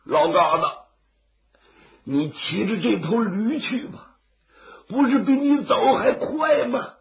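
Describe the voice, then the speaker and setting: Storyteller doing a gravelly, plaintive, kindly old peasant. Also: male voice, high voice, narrow, tinny audio, voice pushed up, full character voice. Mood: tender. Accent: Northeastern Chinese. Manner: dramatic, plaintive, drawn-out exclamations. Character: kindly, anxious, tearful old peasant man.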